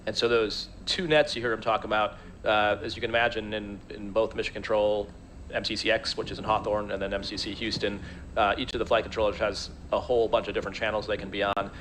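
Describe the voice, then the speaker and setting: Low-voiced man explaining on live broadcast. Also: level tone, quick pace, a bit bright. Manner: conversational, explanatory. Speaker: expert commentator. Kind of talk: live launch commentary, explaining. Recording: faint background noise.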